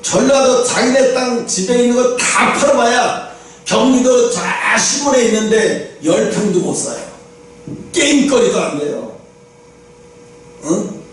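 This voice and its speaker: A male pastor preaches in a church sanctuary, talking conversationally and posing rhetorical questions. His very high-pitched voice has lively intonation and a slightly slow pace, heard from far off in an echoey hall with faint noise.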